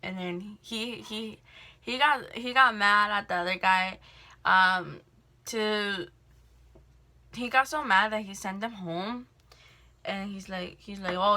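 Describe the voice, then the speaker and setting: A woman's voice: medium pitch, bright, forceful tone. A young woman in a casual storytime vlog, rambling through a work story with lots of fillers and swearing, recorded indoors on a camera mic while doing her makeup. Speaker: vlogger telling a work story.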